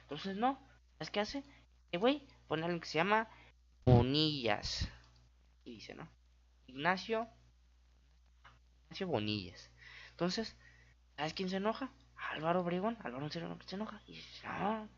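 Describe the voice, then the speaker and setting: A YouTuber with a Mexican Spanish accent explains history in a casual, goofy, chatty way, using a medium-pitched, sing-song voice at a moderate pace with long pauses. He makes mouth sound effects, constantly corrects himself, and his intonation rises and falls vividly. The recording is muffled and low quality, with the highs cut off.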